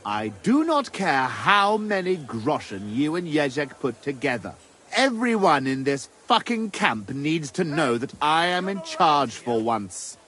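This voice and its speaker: Scornful, animated bandit chief. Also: male voice, a little high, unhurried, a little hiss or hum. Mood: angry, defiant. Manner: scornful, blunt, domineering. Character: crude, proud, stubborn male bandit camp leader. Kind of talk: video game dialogue acting.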